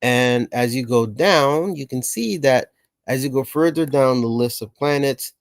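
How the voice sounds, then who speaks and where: A man's voice: mid-range voice, a little slow, no room sound. A man explaining a science reference table as a teacher, talking casually and often checking in with "okay" and "right". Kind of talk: explainer lesson narration.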